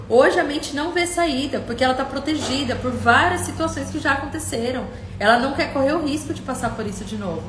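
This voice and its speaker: A woman's voice: high-pitched, reverberant, slight background noise. A middle-aged woman coach hosting a live stream, speaking passionately and directly to viewers and acting out their words. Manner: passionate, speaks straight to viewers, quotes them in acted voices. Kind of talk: emotional live coaching talk.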